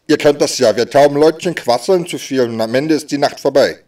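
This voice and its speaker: A man speaking as a sign language voice interpreter, voicing stand-up comedy in a lively way that swings between loud and soft. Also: medium pitch, brisk, recorded from a distance.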